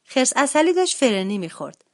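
A woman reading a children's storybook aloud as narrator, in an expressive, lively way. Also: high-pitched. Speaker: translator and storybook reader.

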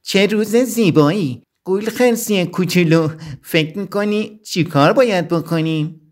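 A man voicing a clever, determined young child hero in a storybook reading, given to shouting and sly, quick-witted talk. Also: high voice, pitched above the performer's own voice, close to an everyday voice. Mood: cheerful.

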